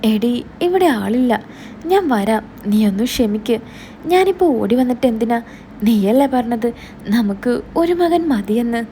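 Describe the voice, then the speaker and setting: A woman voicing a husband abroad who argues defensively and tries to calm his wife in a storybook tale. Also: a little high, unhurried, a little hiss or hum. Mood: annoyed.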